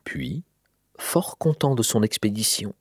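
Male narrator, storybook reading, slow and deliberate, low husky voice, dry close recording. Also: expressive, a little mellow, no echo. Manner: slow, deliberate telling of a fairy tale.

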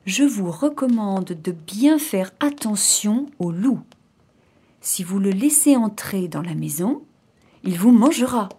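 Woman playing old mother goat, gentle, caring, slow, bleats, storybook. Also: medium pitch, animated, husky, heavily acted. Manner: gentle and warning, bleating when calling. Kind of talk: storybook reading.

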